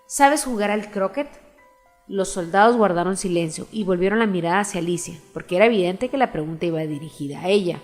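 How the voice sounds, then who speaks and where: A woman narrating a storybook aloud in a measured, expressive reading. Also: fairly low pitch, in a large hall, faint music behind. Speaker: audiobook narrator.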